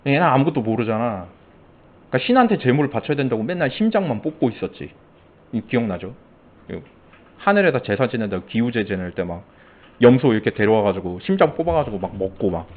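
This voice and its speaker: A man's voice: medium pitch, very animated, quick pace. A man giving a casual classroom lecture, telling stories and acting out coworkers' lines with lots of animation. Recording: tinny phone-like sound.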